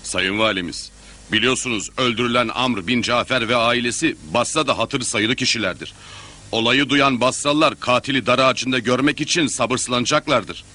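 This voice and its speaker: An actor playing a deferential but insistent innkeeper, speaking formally and pressing an accusation in a period drama. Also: male voice, mid-range voice, moderate pace, sharp tone. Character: insistent, deferential male innkeeper accusing before his governor.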